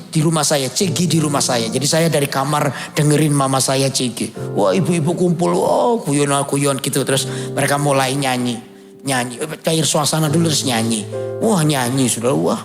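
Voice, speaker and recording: A pastor, preaching with animated storytelling and loud, high bursts of emphasis. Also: male voice, normal speed, music in the background. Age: 50s. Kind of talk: sermon. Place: large church hall.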